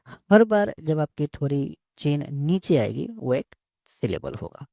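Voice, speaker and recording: A male teacher explains slowly and steadily, often going back over the same words. His voice sits a little high for a man yet sounds dark and gravelly. It is recorded close up and dry. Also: sing-song, no room sound. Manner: slow, repeats words and phrases while explaining. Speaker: English teacher. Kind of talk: bilingual lesson explanation.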